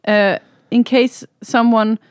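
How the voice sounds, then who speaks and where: A woman's voice: on the high side, fairly even intonation, slow pace, clean tone, no room sound, clean studio sound. A woman co-hosting a podcast, laughing and chiming in. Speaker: podcast co-host. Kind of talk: silly casual chat.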